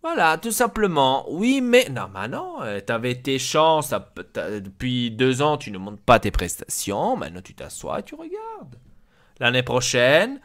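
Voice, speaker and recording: A man's voice: mid-range voice, fairly bright tone. A man voicing a blunt, crude male football club boss who scolds his players, in an Italian accent.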